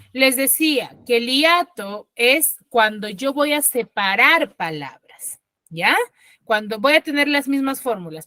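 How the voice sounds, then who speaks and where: A woman teacher walks her students through a lesson over a video call, patient and methodical. Her voice sits high and sounds bright, and the sound is dry and close. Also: no room sound. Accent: Peruvian Spanish. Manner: patient, explanatory, checks understanding often. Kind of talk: online class lecture. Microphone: computer mic on video call.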